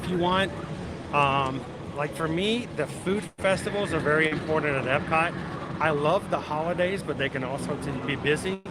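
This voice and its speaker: A man's voice: a little high, moderate pace. A man hosting a casual livestream, chatting directly to his viewers. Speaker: livestream host and travel agent. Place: outdoors in a busy theme park. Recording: loud outdoor theme park noise. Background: ride announcements, vehicles, park ambience.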